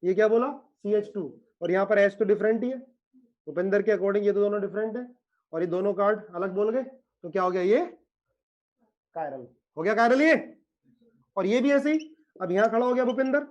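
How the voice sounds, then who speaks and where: Brief: man, chemistry teacher, high-pitched, playful and teasing, lo-fi online lecture sound. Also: normal speed, a little mellow. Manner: joking, teasing students by name; explains with playful analogies.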